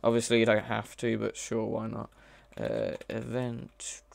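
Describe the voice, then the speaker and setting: A man's voice: fairly low pitch, completely flat delivery, brisk, gravelly. A man streaming live as he codes, chatting casually and thinking aloud, often hesitant and correcting himself. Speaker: mod developer streaming live. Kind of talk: casual live coding commentary.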